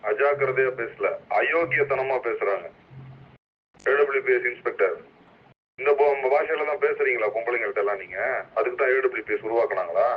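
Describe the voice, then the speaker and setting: A man's voice: mid-range voice, fairly quick. Stern man barking orders over police radio. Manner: stern, scolding, giving orders. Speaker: senior police officer on the radio. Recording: muffled police radio with loud static.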